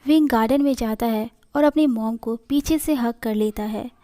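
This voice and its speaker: A woman narrating a fan-fiction story in a steady, plain reading voice. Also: fairly high pitch, moderate pace.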